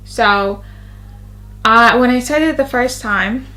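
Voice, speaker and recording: Slow, deliberate woman coaching pronunciation. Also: fairly high pitch, pushed and bright, rough recording. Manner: slow, deliberate, repeats words over and over. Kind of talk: pronunciation lesson with drills.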